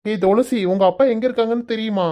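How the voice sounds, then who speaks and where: Woman voicing a fast-talking kind young boss. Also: a little high, fairly even intonation, highs cut off, close to an everyday voice. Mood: consoling. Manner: coaxing, reassuring. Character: young male office boss, kind and persistent suitor. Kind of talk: cartoon voice acting.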